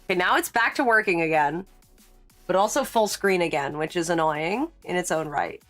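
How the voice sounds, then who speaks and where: A woman streaming live in casual chat. She answers chat as she works and jumps to sudden high exclamations. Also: normal speed, a bit bright, faint music behind. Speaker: VTuber streamer.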